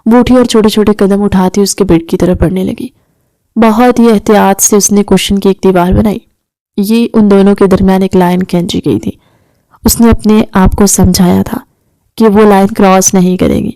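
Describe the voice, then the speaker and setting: A woman narrating a novel as an audiobook reader, in a steady storytelling manner. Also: mid-range voice, no echo. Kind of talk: scripted narration of an Urdu novel.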